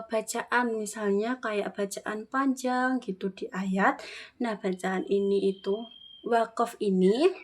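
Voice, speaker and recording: A young woman with an Indonesian accent teaching a classroom lesson on Quran recitation, speaking slowly and clearly and modelling phrases for children to repeat. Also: a little high. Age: young adult. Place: classroom with a whiteboard.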